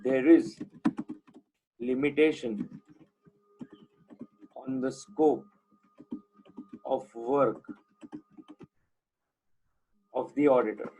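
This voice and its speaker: A man's voice: medium pitch, fairly even intonation, slow, pauses often, mellow, slight background noise, rough recording. A man teaching an online class, putting questions to students and repeating the key points.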